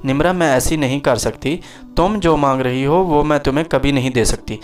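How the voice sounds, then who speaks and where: A man reading the lines of a calm, dignified young wife who speaks with restrained firmness, in a storybook narration. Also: medium pitch, normal speed, soft background music, natural voice. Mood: firm restrained. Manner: restrained, firm.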